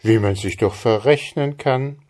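A man's voice: fairly low pitch, a little slow, darkish tone, natural voice. A man voicing an honest but shrewd young peasant lad, talking plainly while playing the simpleton, in an audiobook. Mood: feigned naive. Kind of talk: audiobook character voice.

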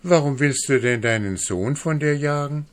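A man's voice: medium pitch, normal speed, pitched above the performer's own voice, lightly acted. A man reading a fairy tale aloud, voicing a frightened young dwarf who pleads anxiously with his mother. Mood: pleading.

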